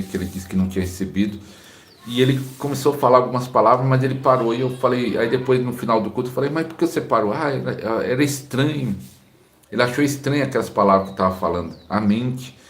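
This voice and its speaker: A man's voice: fairly low pitch, echoey room. A man with a Brazilian Portuguese accent, a pastor preaching live and reading viewer comments aloud while encouraging the people who wrote them.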